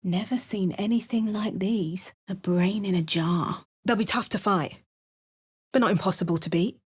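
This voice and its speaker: An actress voicing a wry, bookish adventuring heroine with a British accent, speaking game voice lines and spell words. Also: female voice, mid-range voice, normal speed, slightly rough, lightly acted. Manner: dry, wry remarks and chanted spell words. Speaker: player character voice lines.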